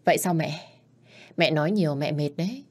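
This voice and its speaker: Woman narrator voicing a cold young mob heir, mocking, calm menace. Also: deep voice, moderate pace, slightly rough. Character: cold ruthless young male heir of a crime family.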